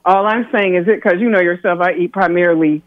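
Man, guest doctor on radio, high voice, rambling chat, dull lo-fi sound. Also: fast. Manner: rambling, repeats himself, laughs easily.

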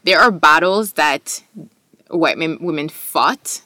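Lower-voiced woman, native French speaker, dry recording. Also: takes it slowly, pushed and bright, no echo. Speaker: podcast co-host discussing articles and poetry. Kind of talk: casual discussion with some poetry reading.

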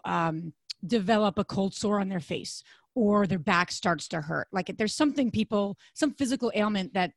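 A woman co-hosting a podcast in a casual chat, her voice raspy and hoarse, with a chatty manner full of restarts. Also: no echo. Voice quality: raspy, deep voice. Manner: chatty, frequent restarts and fillers. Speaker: podcast co-host.

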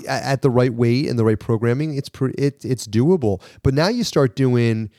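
A man's voice: mid-range voice, normal speed, mellow, no echo, clean studio sound. A man with a New York accent co-hosting a podcast, rambling and restarting as he talks. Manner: rambling, with many fillers and restarts. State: recovering from a cough. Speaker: podcast co-host. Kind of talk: casual podcast chat.

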